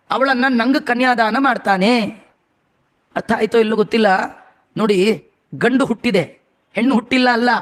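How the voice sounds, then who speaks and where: A man with a strikingly high voice delivers a devotional sermon. He chants scriptural verses, then explains them with homely everyday examples. He keeps asking the audience questions and answering them himself. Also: a bit bright. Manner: homely examples, conversational asides to listeners. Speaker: religious scholar giving a discourse.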